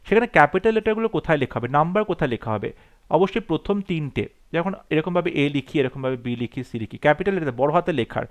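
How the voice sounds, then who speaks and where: A man teaching an exam-prep lesson. He reads each multiple-choice question slowly and then explains the answer quickly. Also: a little high.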